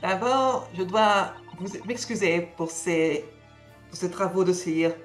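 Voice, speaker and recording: A man voicing a mysterious old witch, a museum owner, in a halting, theatrical delivery for an amateur game dub. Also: sits high, a bit bright. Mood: grave, halting. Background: game music.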